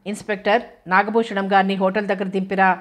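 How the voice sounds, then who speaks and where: A woman voicing a calm, shrewd detective. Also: mid-range voice, close to an everyday voice. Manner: measured, commanding.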